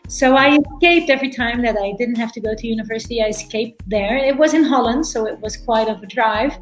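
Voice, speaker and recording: Fairly high-pitched and brisk, this middle-aged woman from Belgium is a guest in a relaxed interview, where she frequently repeats herself and starts over. She works as a veterinarian and animal chiropractor. Faint music sounds in an echoey room.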